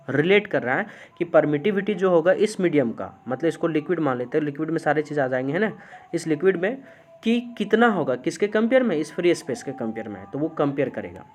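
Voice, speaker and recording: A male physics teacher with a voice on the high side lectures a class. He keeps posing questions and answering them himself, slowing down whenever he dictates definitions.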